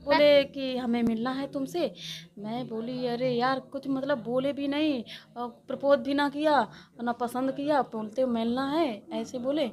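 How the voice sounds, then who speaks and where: A woman's voice: sits high, steady tone, unhurried, darkish tone. A woman, interviewed and recounting a personal story in a rambling way, quoting what others said. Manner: rambling, quotes others' words.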